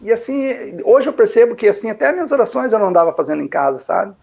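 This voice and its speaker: A man's voice: sits high, expressive, quick pace, vocal fry, a little mellow. An older man with a Brazilian Portuguese accent telling his testimony to a pastor, rambling and repeating himself with lots of fillers. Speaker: guest giving a testimony. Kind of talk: emotional storytelling. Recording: dull lo-fi recording.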